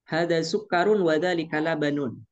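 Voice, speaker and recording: A man's voice: on the high side, moderate pace, highs cut off. A man teaching an online Arabic class, patiently drawing out each Arabic phrase.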